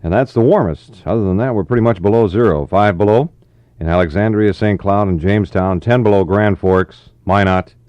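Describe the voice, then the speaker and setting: An American man with a low, slightly mellow voice hosts a 1960s radio show at a brisk clip, full of easygoing patter and folksy asides. The studio aircheck sounds muffled and roomy like AM radio, and his voice carries some echo.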